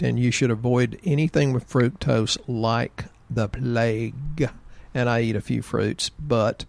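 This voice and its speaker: A man's voice: medium pitch, creaky, dry recording. A man casually talking about health in a folksy, joking, rambling way. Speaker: health practitioner co-host.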